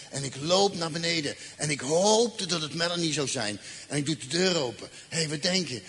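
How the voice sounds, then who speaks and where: A man telling a dramatic personal testimony, acting out the dialogue and slowing down for emphasis. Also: on the high side, a bit bright, slight background noise. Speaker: speaker giving a personal testimony. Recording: faint ambience, long reverb.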